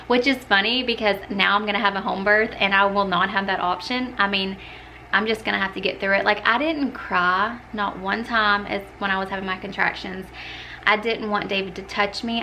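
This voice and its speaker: Young woman, casual storytelling, lots of fillers, bright voice, faint background hum. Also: mid-range voice, gravelly, low-quality recording. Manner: chatty, many "like" fillers, acts out quoted lines. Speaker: vlogger.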